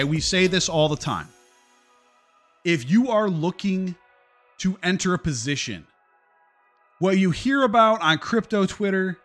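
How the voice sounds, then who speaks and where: A man with a slightly raised pitch talks through the markets in a casual live stream, blunt and given to swearing. He answers his viewers' chat comments as he goes. Soft music sits faintly in the background.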